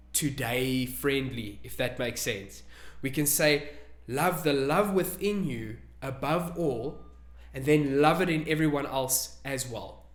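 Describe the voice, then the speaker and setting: Earnest man giving spiritual advice, roomy echo. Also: a little high. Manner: earnest, enthusiastic, with many "like" fillers. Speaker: spiritual vlogger. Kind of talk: casual spiritual advice talk.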